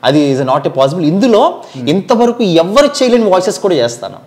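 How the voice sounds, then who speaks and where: A man's voice: sits high, big pitch swings, darkish tone. A man who is a mimicry artist, chatting eagerly in an interview and explaining his act. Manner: eager, quick brief replies. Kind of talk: casual interview chat.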